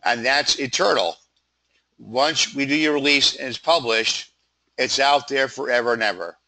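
A man presents slides in an informal, conversational sales-pitch style. His voice is froggy yet bright and forceful, sitting at a middling pitch. He leans on lists with emphasis. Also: moderate pace, low-quality recording. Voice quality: froggy, throat-clearing voice. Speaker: PR company presenter.

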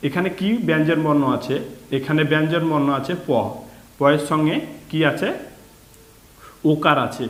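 A man teaching a beginners' reading lesson, slowly spelling out letters and sounds step by step. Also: a little high, echoey room.

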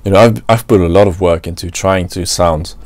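A French-accented man from France, an adult restaurant worker, muses through a reflective solo podcast, frequently saying "you know" and "right." His voice sits low and is a little mellow, he talks a bit fast, and the recording has no room sound.

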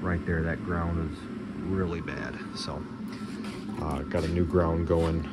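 In a big garage workshop, a man with a deep voice slowly talks his way through repairing his truck, with heavy noise behind him. The vlogger is restoring an old truck and captures it on a handheld or body camera. He stays relaxed and thinks aloud as he goes.

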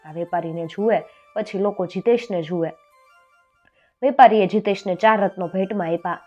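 A woman telling a traditional folk tale in an expressive storytelling voice, lifting her voice for the characters. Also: medium pitch, moderate pace. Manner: expressive, raises voice for quoted characters. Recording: dull lo-fi sound with faint music.

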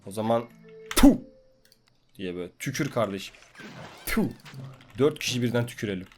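A man's voice: mid-range voice, animated, fast, faint music behind. A young man giving casual gaming commentary, teasing and trash-talking the creatures on screen in slangy, brash talk. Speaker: gameplay commentator.

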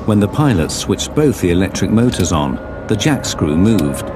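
A man reading scripted documentary narration in a measured, dramatic storytelling way. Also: low-pitched, very animated. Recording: dramatic music bed under voice. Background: music.

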